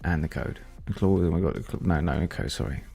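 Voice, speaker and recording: A man's voice: low-pitched, fast, gravelly, dark tone, soft background music. A man thinking aloud and rambling as he codes on a casual live stream. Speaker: software developer live-streaming.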